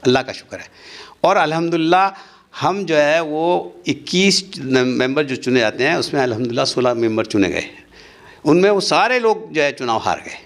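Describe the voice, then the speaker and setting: A man's voice: fairly high pitch, lively intonation, moderate pace. Older guy, earnest and insistent, defending himself in an interview. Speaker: interviewee, university society official. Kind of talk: interview answers.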